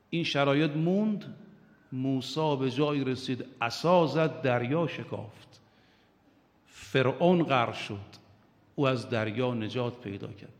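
A man's voice: medium pitch, long reverb tail. An older man preaching an impassioned religious sermon, with rising and falling emphasis and recited quotations.

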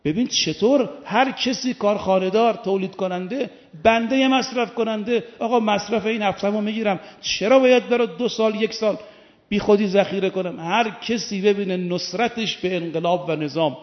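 A man preaching a Muharram sermon, stretching key lines out slowly and then rising sharply in pitch. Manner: preaching with slow emphatic lines and sudden swells in pitch. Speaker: cleric preaching. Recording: echoey hall, dull lo-fi sound.

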